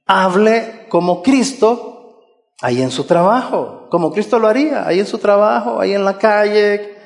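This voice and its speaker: High-voiced male preacher, echoing hall. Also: moderate pace, vocal fry. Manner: earnest, exhorting, repeats key phrases. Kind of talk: sermon.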